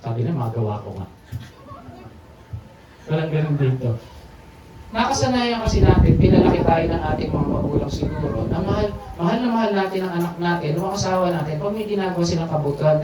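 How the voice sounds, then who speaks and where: A Filipino woman preaching a sermon to a congregation, often asking for an amen. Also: mid-range voice. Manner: lively call-and-response preaching, asks "Amen?" often. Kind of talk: Tagalog sermon. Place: church service, large echoey room. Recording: echoey church hall, far from mic, noisy.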